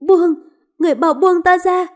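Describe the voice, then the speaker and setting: A woman's voice: high voice, normal speed, mellow, natural voice. A woman voicing a proud young princess who speaks with passion and pleading. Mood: defiant. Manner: impassioned, pleading.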